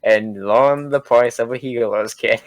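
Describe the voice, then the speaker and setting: A man narrating as game master in a casual, halting way. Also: mid-range voice, no room sound. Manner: casual, with frequent fillers.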